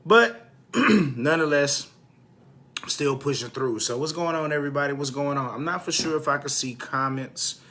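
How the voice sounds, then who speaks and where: A man's voice: a little high, normal speed, bright, forceful tone. A man, a bit congested, chatting casually to viewers while hosting a livestream about home businesses. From Texas, US. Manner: chatty, repeats phrases, drops off to mutter while checking phone. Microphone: phone.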